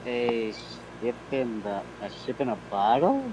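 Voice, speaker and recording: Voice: mid-range voice, lively intonation, unhurried, noisy background. A tabletop role-playing game player talking in casual game chat.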